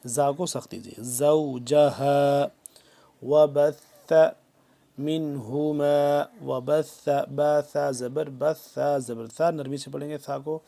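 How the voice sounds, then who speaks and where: A man teaching Quran recitation, drawing each verse out slowly, then explaining pronunciation rules in quick plain speech. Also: on the high side, creaky, mellow. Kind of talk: tajweed lesson, slow word-by-word recitation.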